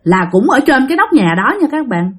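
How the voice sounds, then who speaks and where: A woman's voice: high-pitched, sing-song, fairly quick, slightly rough. A woman telling a spooky story in a casual, chatty way, speaking straight to her listeners. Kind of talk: casual spoken ghost story.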